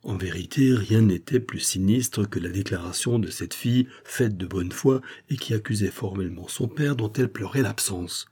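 A man narrating a classic crime novel in a steady, measured reading. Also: lowish voice, husky. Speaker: audiobook narrator. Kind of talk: literary audiobook narration.

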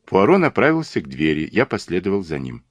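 A man narrating a detective novel in the first person, telling the story in a steady, expressive way. His voice is very deep, and his intonation rises and falls with real life. The recording is dry and close to the mic. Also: fairly quick, no room sound. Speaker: audiobook narrator.

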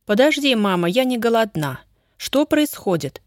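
Middle-aged mother in a storybook, voiced higher and anxious, asks rapid questions, by a woman. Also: big pitch swings, dry recording, studio quality.

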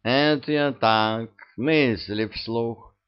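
Guy doing a hissy grumpy cat in a storybook, sulky and greedy, slow, kinda muffled recording. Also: medium pitch, clean tone. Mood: grumbling. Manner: hissing, indignant grumbling. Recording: dull lo-fi audio.

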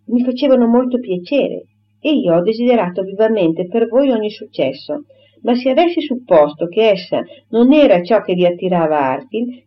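A woman voicing a proper young gentlewoman who firmly and formally rejects a suitor, on a dull lo-fi recording. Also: medium pitch, lightly acted. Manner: firm, crisp and formal.

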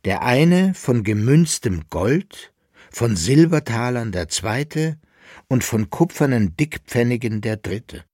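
Husky man narrating a novel. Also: mid-range voice, sing-song, slow, darkish tone, no room sound, clean studio sound. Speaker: reader. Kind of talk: audiobook narration of a historical novel. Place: radio studio.

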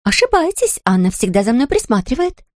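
A woman's voice: on the high side, sing-song, fairly quick, no room sound. A woman reading an audiobook, voicing a playful young woman who puts on a haughty, theatrical manner, in a dry studio.

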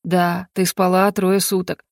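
A gentle, protective young man speaks softly and calmly, as the woman reading puts him on. The tone is tender and reassuring, recorded dry and close for a storybook. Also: fairly low pitch, a little slow, vocal fry, dry recording. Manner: soft, reassuring.

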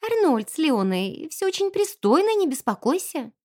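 A woman doing a quiet, distracted young niece. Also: high voice, big pitch swings, moderate pace, voice pushed up. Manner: subdued, absent-minded.

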